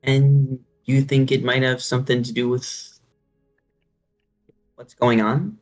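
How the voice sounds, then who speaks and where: Polite unsure player voice, middle pitch, quiet music behind. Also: level tone, slow. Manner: polite, apologetic, hesitant.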